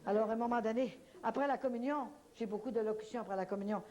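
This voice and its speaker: A woman with a Québécois French accent giving a spoken religious testimony to an audience, telling her story in an animated, folksy way full of little fillers. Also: fairly high pitch, fast.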